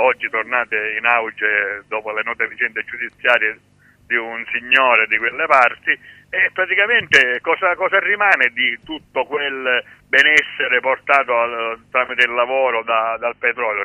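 A man, a guest activist speaking over the phone on a radio show, explaining his points with frequent pauses and restarts. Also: mid-range voice, no echo. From Sicily. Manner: hesitant, many fillers and restarts, explanatory. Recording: tinny phone line.

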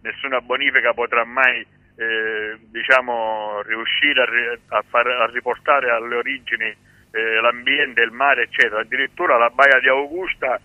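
A man, a guest activist speaking over the phone on a radio show, explaining his points with frequent pauses and restarts. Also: medium pitch, steady tone, no room sound. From Sicily. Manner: hesitant, many fillers and restarts, explanatory. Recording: tinny phone line.

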